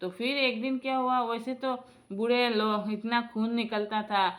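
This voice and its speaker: A woman's voice: a little high, fairly even intonation, a little slow. A woman telling a personal family story in a casual, chatty way, speaking to her viewers as friends and often restarting her sentences. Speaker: storyteller, vlogger.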